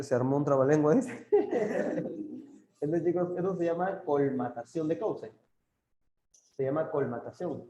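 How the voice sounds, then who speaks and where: A man's voice: a little high, warm tone. Joking male geography teacher, roomy sound. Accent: Peruvian Spanish. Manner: jokey, laughs often, talks back to chat. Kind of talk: live online class reading chat questions. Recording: roomy, dull lo-fi stream audio.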